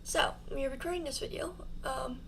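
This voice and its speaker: High-pitched and gravelly, a bit bright, and fairly quick, this young woman hosts her channel while working on a home build. She rambles and giggles with self-deprecating humor, her mouth sore from new fillings; the recording is rough with some hiss or hum.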